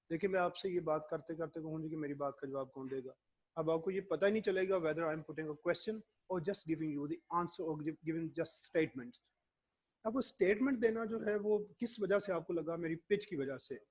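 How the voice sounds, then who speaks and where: A man giving a classroom lecture, explaining slowly and acting out his examples. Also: a little high, a little mellow, husky.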